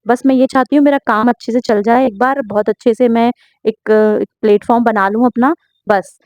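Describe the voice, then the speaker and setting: A young woman with a fairly high voice talks earnestly and at length, answering viewers' questions about her home baking business. She keeps checking in with her listeners as she goes. The recording sounds dull and dry, as if made close up at home. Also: fairly even intonation, brisk, darkish tone, no echo. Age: young adult. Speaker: home baker. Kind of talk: casual Q&A vlog.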